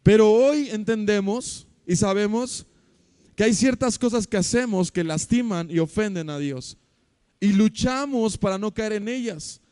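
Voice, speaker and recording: A man with a Mexican accent preaches to his church in a high, mellow voice. He tells stories and acts out the people in them. The sound is dry and close, with no room echo. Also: measured pace, smooth. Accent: Mexican Spanish. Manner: animated storytelling with acted quotes, swinging loud to soft. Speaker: pastor. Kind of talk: sermon. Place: church hall.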